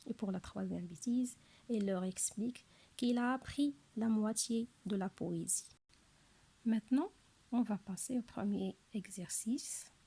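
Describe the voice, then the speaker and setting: Slow, husky French-speaking teacher woman. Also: mid-range voice, dark tone. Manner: slow, careful, repeats each word twice. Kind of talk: recorded lesson for young pupils.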